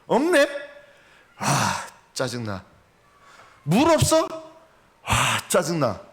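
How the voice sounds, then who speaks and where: A man's voice: mid-range voice, animated, slow, sharp tone. A man voicing an irritable Israelite grumbling in the wilderness, with whiny, exasperated outbursts.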